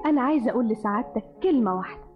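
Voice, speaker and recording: Actress as a young Egyptian woman, high voice, fast, anguished, lo-fi radio drama. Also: expressive, loud music behind the voice, close to an everyday voice. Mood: pleading. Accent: Egyptian Arabic. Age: young adult. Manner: anguished, tearful outbursts. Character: young orphan girl, desperate to escape home. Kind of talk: 1950s radio drama acting. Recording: dull old radio recording.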